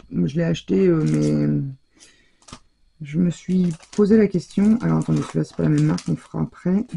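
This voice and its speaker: A middle-aged woman presenting her craft shopping haul in a casual, chatty way, hesitating often and filling pauses as she goes. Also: fairly low pitch, creaky, warm tone, husky. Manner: chatty, hesitant, full of fillers and self-corrections.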